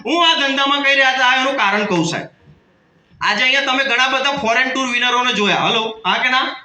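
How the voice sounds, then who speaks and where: High, bright-voiced Gujarati man on stage. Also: brisk, echoey room, far from the mic, poor audio. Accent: Kathiawadi Gujarati. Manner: jokey, calls out to the audience. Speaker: business seminar speaker. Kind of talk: motivational stage talk. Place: hall with an audience.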